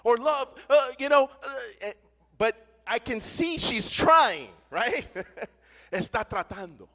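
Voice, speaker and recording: Animated bilingual preacher in a hall. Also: male voice, extremely high pitch, slow pace. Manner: animated, rises loud then drops soft, frequent "right?". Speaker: pastor. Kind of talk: bilingual sermon, preaching then repeating in English. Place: church sanctuary. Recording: long church hall reverb.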